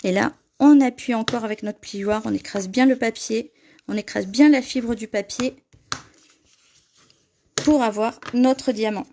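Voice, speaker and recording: A woman's voice: fairly high pitch, measured pace, pauses often, warm tone, a little hiss or hum. A woman hosting a live paper-craft tutorial, chatting with viewers and laughing often as she reads their comments.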